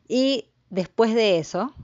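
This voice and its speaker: A woman's voice: on the high side, expressive, slow pace, darkish tone, no echo, muffled recording. A woman hosting a casual chat who also narrates a recap and reacts expressively. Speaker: host.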